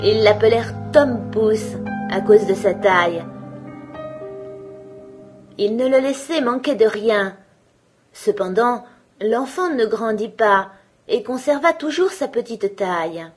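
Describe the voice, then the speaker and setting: A woman storyteller reading a fairy tale aloud in a gentle, measured way. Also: on the high side, animated, soft background music.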